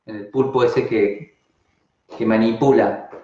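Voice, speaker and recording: A man with an Argentine Spanish accent teaching an online class, animated and constantly asking rhetorical questions and then answering them. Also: on the low side, takes it slowly. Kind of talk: live online class talk. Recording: dull, roomy sound.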